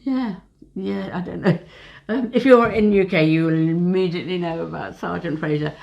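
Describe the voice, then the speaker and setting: An older woman in her sixties, a therapist sharing advice in relaxed conversation. Her voice sits low and carries a gravelly, creaky texture. She speaks calmly and reassuringly, pausing with fillers as she reflects. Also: muffled recording. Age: 60s. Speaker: therapist and co-host.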